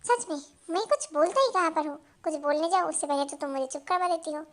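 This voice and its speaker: A woman's voice: very high voice, expressive, quick pace, fairly bright tone. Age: middle-aged. Figure: a woman voicing a wry, teasing father. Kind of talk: fan dub drama.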